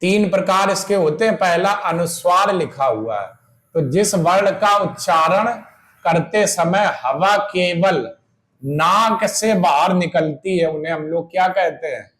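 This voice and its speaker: Slow-talking male Hindi teacher. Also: high-pitched, a bit bright. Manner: slow, repeats examples aloud, asks and answers his own questions. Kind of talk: exam-prep grammar lesson.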